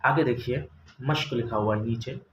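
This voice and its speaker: A man's voice: mid-range voice, moderate pace. A man teaching a step-by-step recorded lesson, patiently asking questions and answering them himself. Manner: patient, asks questions then answers them, drawls example sounds. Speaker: Quran reading teacher. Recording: roomy echo, faint ambient noise.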